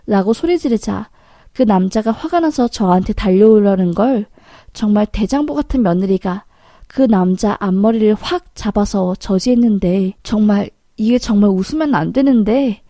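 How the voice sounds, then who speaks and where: A woman calmly narrating a first-person story in a matter-of-fact way. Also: mid-range voice, normal speed, no echo, studio quality.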